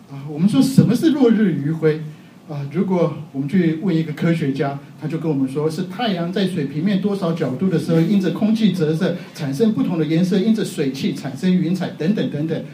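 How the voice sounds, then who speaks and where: A man's voice: on the high side, warm tone, far from the mic. A middle-aged man from Taiwan, preaching a sermon in a chatty, self-mocking way and laughing often. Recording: echoey hall, faint background noise.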